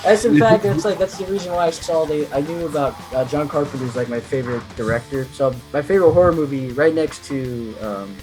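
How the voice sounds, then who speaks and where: A man co-hosting a podcast, chatting casually in a frantic, excitable way, swearing and dropping into voices. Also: fairly high pitch, fairly quick, hardly any pauses, music in the background. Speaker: podcast co-host. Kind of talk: casual chat.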